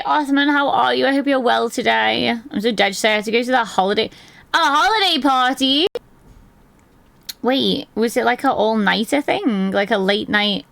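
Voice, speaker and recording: A woman streamer with a hoarse, gravelly voice chats casually with her live viewers from her desk, rambling and laughing often. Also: fairly high pitch, fairly bright tone, no room sound. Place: at a desk indoors.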